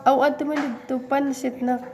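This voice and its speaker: A woman's voice: high voice, flat delivery, normal speed. A woman vlogging casually and cooing in baby talk to a small pet dog. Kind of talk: casual vlog chat.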